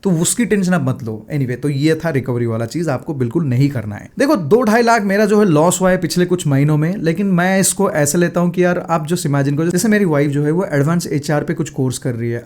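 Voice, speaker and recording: Casual male vlogger, thirties, high voice, loose talk full of fillers. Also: darkish tone. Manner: chatty, Hindi-English mix, frequent fillers. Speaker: day trader sharing his mistakes.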